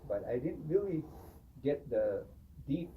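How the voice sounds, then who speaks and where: A man telling a traditional story in an animated way, often saying "you know". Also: medium pitch, slow, phone-quality sound, a little hiss or hum. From Hopi. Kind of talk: oral storytelling. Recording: distant mic with faint ambience.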